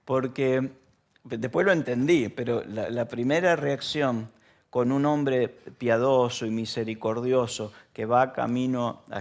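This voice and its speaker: Rioplatense pastor preaching conversationally. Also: male voice, mid-range voice. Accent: Rioplatense Spanish. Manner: conversational preaching, asks the congregation questions, acts out shouts. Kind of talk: sermon. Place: church.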